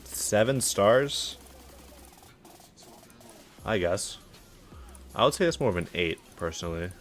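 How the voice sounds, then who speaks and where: A man's voice: lowish voice, animated, slow, soft background music. A young man giving casual live-stream commentary as he reviews game levels, offhand and dryly sarcastic, with plenty of filler words.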